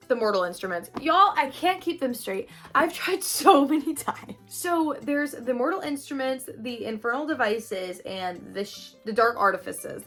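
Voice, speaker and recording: A woman's voice: a little high, fairly bright tone. A woman in her twenties chatting casually in a book vlog, upbeat and thinking aloud with lots of "like"s. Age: 20s. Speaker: booktuber.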